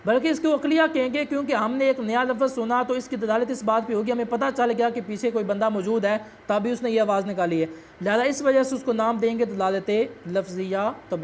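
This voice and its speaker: A woman teacher giving a lecture on a text, explaining step by step, asking herself questions and repeating key terms. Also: a little high.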